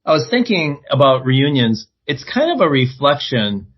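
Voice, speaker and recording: Man on a dull, low-quality stream. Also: big pitch swings, normal speed, husky. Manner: chatty, poses questions to the group. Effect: low-quality stream audio from a weak internet connection, no headset. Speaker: podcast co-host. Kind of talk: casual chat. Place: on the road, away from home. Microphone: no headset, built-in device mic. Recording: dull lo-fi internet call audio.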